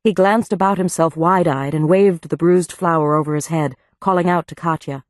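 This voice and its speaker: A woman narrating an audiobook with an even, measured delivery on a close studio mic. Her voice sits on the lower side. The recording is dry, with no room sound. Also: no echo. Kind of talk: scripted narration.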